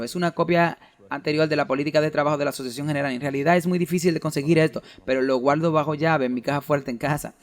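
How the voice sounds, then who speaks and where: A preacher gives a sermon-style lecture, earnestly building an argumentative case point by point and pausing at times to read quoted documents aloud. His voice sits on the high side, a little above the usual male range.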